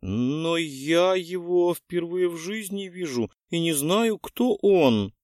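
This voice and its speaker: A man's voice: fairly high pitch, expressive, slow pace, darkish tone, no echo, studio quality, pitched above the performer's own voice. A man voicing a young female witch student who pleads theatrically and with feigned innocence. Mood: frightened.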